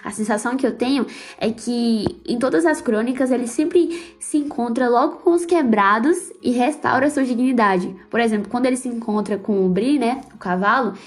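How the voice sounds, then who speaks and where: A woman hosting a podcast, talking about a book in a heartfelt, fervent, casual way with religious exclamations. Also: on the high side. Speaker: podcast host. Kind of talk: emotional casual book commentary.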